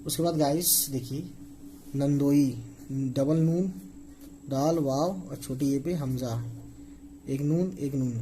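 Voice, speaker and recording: A man with a dark, mid-range voice teaches Urdu script in a casual spoken lesson, recorded with poor audio and slight background noise. He speaks slowly, saying each letter aloud as he spells out words, and checks in with "okay" again and again.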